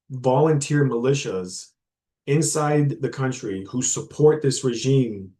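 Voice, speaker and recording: Speaking in a mellow, mid-range voice, this guest lecturer addresses university students informally. He leans on fillers and repeats words often, stopping to put terms in plain language.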